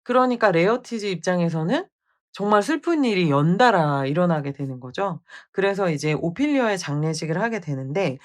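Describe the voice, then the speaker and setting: A woman storyteller walks through a classic play's plot in a relaxed, chatty manner and keeps asking rhetorical questions. Her voice sits on the low side, but her pitch rises and falls vividly. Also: normal speed. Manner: animated, conversational, uses rhetorical questions. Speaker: literature storyteller. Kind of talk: casual storytelling retelling of a play.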